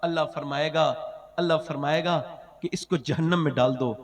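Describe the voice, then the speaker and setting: High-voiced preacher, booming with long reverb. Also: male voice, fairly even intonation, normal speed. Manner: dramatic, swinging from loud cries to hushed lines, half-sung phrases. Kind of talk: emotional storytelling sermon.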